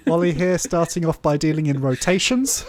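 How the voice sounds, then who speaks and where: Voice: mid-range voice, animated, a little slow, a little mellow. A podcast host running a game among friends, wry and self-deprecating in casual chat.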